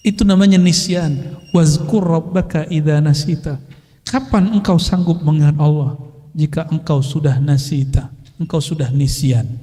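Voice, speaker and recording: A man's voice: high-pitched, dark tone. A middle-aged man preaching a religious study talk in a casual, conversational way, weaving in Arabic phrases. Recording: long hall reverb.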